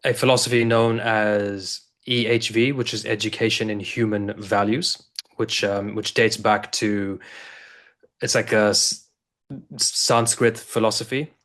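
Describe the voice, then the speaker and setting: A man's voice: lowish voice, steady tone, measured pace, fairly bright tone. A man in his thirties from South Africa, a coach and guest on an interview show, telling his story in a loose, rambling way with many restarts. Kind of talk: casual interview talk.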